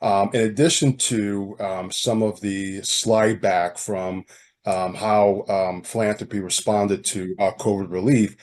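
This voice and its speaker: A man on a video call, hoarse and gravelly from a cold, speaking hesitantly with many fillers. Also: on the low side, steady tone, slow pace, darkish tone. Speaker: steering group member. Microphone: video call, off camera.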